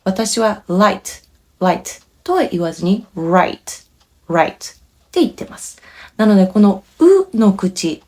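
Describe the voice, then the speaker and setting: A woman with a Japanese accent giving a bilingual pronunciation lesson, explaining clearly and patiently and demonstrating words. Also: mid-range voice, big pitch swings, a little slow, mellow. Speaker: language teacher.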